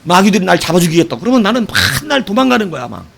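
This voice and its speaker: A middle-aged male pastor preaching an evening sermon, telling stories with animated shouts and asking his congregation questions. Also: sits high, racing, vocal fry, slight background noise.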